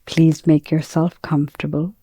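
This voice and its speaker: A woman with a low, husky voice leads a guided meditation, speaking calmly, gently, and in a measured way, pausing between phrases. There's no echo.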